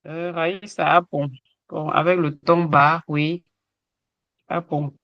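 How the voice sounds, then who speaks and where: A man in an online training session, slowly checking participants' answers one by one. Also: a little high, flat delivery, dry recording, lo-fi sound.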